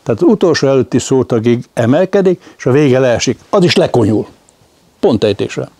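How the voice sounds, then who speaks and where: A man's voice: medium pitch, expressive, warm tone, slightly rough, dry recording. A man giving a lecture on speech intonation, demonstrating example questions aloud.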